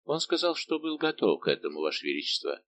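A man reading an audiobook, voicing a middle-aged musketeer captain who answers calmly, respectfully and without yielding. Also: mid-range voice, fast, slight background noise. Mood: calm defiant. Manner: calm, steady, respectful but unbending.

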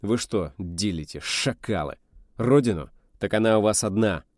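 A man voicing a stern, gruff navy captain in his sixties who talks in a commanding, bitter way. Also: fairly low pitch, lively intonation, moderate pace, a little mellow, no echo, studio quality, natural voice. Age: 60s.

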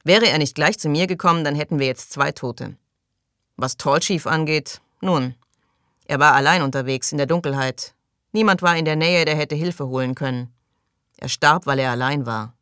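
Pompous touchy doctor guy, man reading it, loud and huffy, dry close sound. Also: a little high, normal speed, smooth, no room sound. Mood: indignant. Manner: indignant, loud, defensive. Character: irritable pompous male colony doctor.

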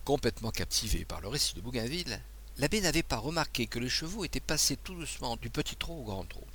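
Gravelly man narrating a story. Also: mid-range voice, big pitch swings, fast, a bit bright, a little hiss or hum. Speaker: narrator reading a story aloud. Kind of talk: read-aloud story narration.

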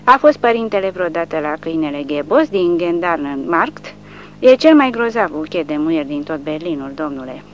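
A woman's voice: low-pitched, lively intonation. A woman voicing a crude, always-hungry male soldier who talks cheekily and boastfully. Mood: cheeky. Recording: dull lo-fi with faint hum.

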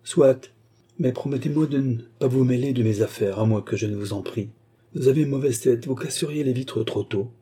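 A man's voice: mid-range voice, normal speed, warm tone, breathy edge, close to an everyday voice. A man reading a storybook and voicing a composed, secretive young courtesan woman with a firm manner. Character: cool-headed resolute young courtesan woman.

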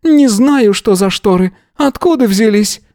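A woman's voice: medium pitch, animated, unhurried, darkish tone, no room sound, studio quality, pitched above the performer's own voice, natural voice. A man reading an audiobook voices a wily old woman who shrieks, whines and pleads. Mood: shrill. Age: older. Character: shrill, wily old woman, hoarder, wheedling and loud.

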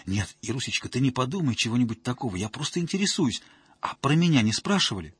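A man's voice: mid-range voice, very animated, fast, slightly rough, no echo. A man voicing a drunk, whining woman janitor who fawns and pleads. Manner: wheedling, whiny, ingratiating.

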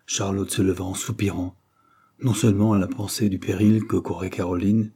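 A male audiobook narrator reading a classic novel in a steady, even manner. His voice is mellow and warm with a slightly husky grain, at a middle pitch. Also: normal speed. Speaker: audiobook reader. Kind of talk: scripted narration.

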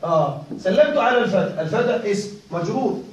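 A fairly high-pitched man teaches grammar to a room of students, repeating each rule and checking again and again that they are with him. His voice rings around a very reverberant classroom and sits at a distance from the microphone. A faint hiss of noise runs under it. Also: lively intonation, brisk. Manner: drills rules by repetition, often checks students follow. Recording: echoey room, mic far off.

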